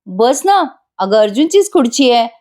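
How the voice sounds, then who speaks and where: Woman reading young male assistant, reassuring, takes charge, slightly high. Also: very animated, normal speed, warm tone.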